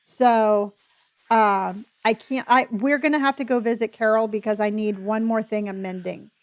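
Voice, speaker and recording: A chatty woman streamer games while casually addressing her viewers as honey. Her voice is a little high, with a steady tone and normal speed, and she can't pronounce R's because of a speech impediment.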